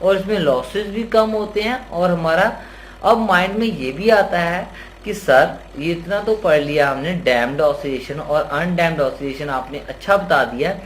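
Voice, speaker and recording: A man's voice: on the high side, moderate pace, fairly bright tone, a little hiss or hum. A male teacher gives a casual lecture, often asking the class questions and answering them himself. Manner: repeats key terms as questions to the viewer; voices imagined student questions addressed to "sir". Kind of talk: classroom-style Hindi lecture.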